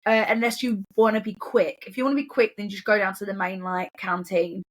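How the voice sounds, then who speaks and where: A woman's voice: mid-range voice, steady tone, brisk. A woman co-hosting a podcast, chatting casually and giggling often. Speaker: podcast co-host. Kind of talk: casual chat.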